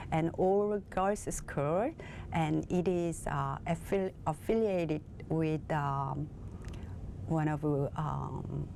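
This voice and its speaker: A woman from South Korea, a native Korean speaker with a Korean accent, answers questions as a TV interview guest, speaking in a measured way as she searches for words in English. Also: low voice, creaky, darkish tone, a little hiss or hum. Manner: measured, searching for words in her second language. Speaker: guest, bilingual facilitator.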